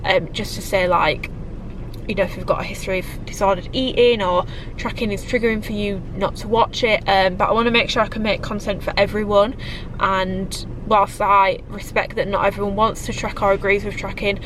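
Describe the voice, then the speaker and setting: A British woman in her twenties, a fitness vlogger, chats casually to camera from a parked car and also at home, her speech full of likes and ums and her nose slightly blocked by a cold. Her voice is mid-range, fairly bright and brisk, with fairly even intonation. The audio is poor, with slight background noise.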